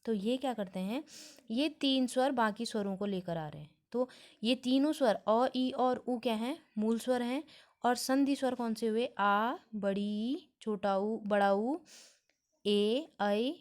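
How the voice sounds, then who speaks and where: Woman teacher going through a grammar lesson bit by bit, a bit high voice, keeps checking in. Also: a little slow, a little mellow. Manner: explains step by step, often checks in with listeners.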